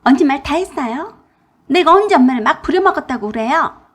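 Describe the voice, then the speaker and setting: A woman's voice: sits high, big pitch swings, darkish tone, slightly rough, full character voice. A woman voicing a selfish young sister-in-law who whines and flares up, in a radio drama. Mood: indignant, shrill. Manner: whiny, demanding, quick to flare.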